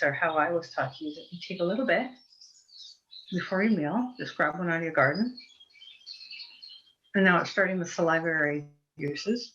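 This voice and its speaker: Through muffled online call audio comes a deep, slightly bright female voice: an Eastern European guest herbalist speaking informally and chattily, wandering off topic and restarting sentences a lot.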